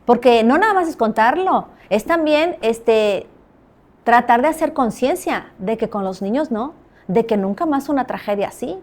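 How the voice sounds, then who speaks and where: A woman's voice: on the high side, normal speed. A woman journalist with a Mexican accent, a guest in an interview, telling her stories with animation and acting out the dialogue. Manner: animated storyteller, acts out quoted dialogue. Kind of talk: anecdotal interview talk.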